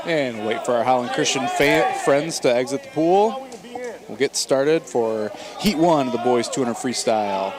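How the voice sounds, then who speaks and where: A man's voice: mid-range voice, expressive, normal speed. A man giving live play-by-play commentary as a swim meet commentator. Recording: noisy poolside with loud crowd. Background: loud crowd and pool ambience.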